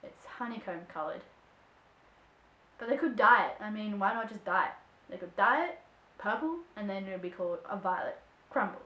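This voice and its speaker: A young Australian woman vlogging to camera, answering viewer questions in a chatty, expressive way. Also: mid-range voice, normal speed, pauses often. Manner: chatty and expressive, acts out quoted voices. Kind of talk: casual chat to camera. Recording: echoey room.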